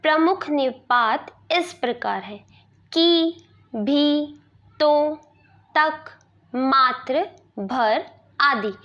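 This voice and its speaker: Slow, high-voiced woman teaching grammar. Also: highs cut off. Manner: explains slowly, asks rhetorical questions and answers them. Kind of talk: Hindi grammar lesson.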